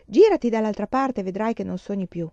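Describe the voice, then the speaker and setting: A woman's voice: medium pitch, lively intonation, brisk, dark tone, dry recording, dull audio, natural voice. Woman reading as a patient pioneer mother.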